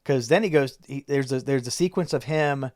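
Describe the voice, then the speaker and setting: A man's voice: mid-range voice, normal speed, a little mellow, no room sound, clean studio sound. A man co-hosting a podcast, chatting casually about a movie and laying out his theories, often restarting sentences. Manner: analytical, lays out his theories with frequent restarts. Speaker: podcast co-host.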